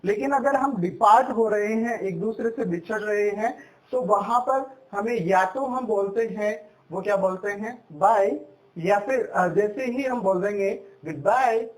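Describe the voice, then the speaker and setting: A man teaching spoken English as a lesson, explaining slowly and repeating himself with fillers. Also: sits high, low-quality recording. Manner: slow, repetitive explaining with fillers.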